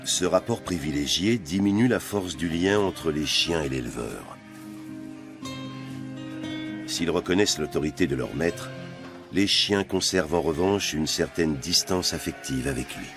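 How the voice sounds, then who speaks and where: A man's voice: extremely low pitch, expressive, measured pace. A man reading scripted narration for a nature documentary in speech. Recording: music bed under narration. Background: music.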